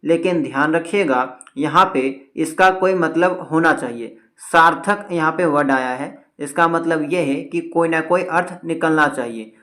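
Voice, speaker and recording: A man's voice: on the high side, unhurried, few pauses, fairly bright tone. A man's slightly raised voice carries this Hindi grammar lesson for exam takers. He explains each point step by step and drops English words into his Hindi. He often checks in with his class as he goes. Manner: explanatory, checks in with repeated "theek hai". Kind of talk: exam-prep lecture.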